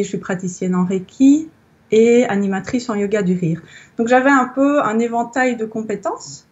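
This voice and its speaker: Lo-fi sound carries a somewhat high woman's voice with a darkish tone. She's a Belgian yoga teacher in her thirties, pausing to find her words while reflecting in a recorded testimonial conversation.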